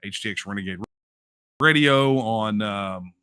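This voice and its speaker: A man's voice: on the low side, a little slow, sharp tone, clear, resonant tone, no room sound. A middle-aged man hosting a casual livestream, reading viewer messages with mocking asides and lots of "uh" fillers. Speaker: host.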